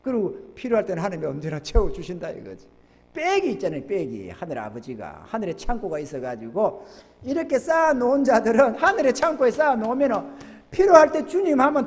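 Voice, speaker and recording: A male pastor preaching a sermon, telling folksy stories with sudden loud outbursts. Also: sits high. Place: church sanctuary. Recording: church hall with long reverb.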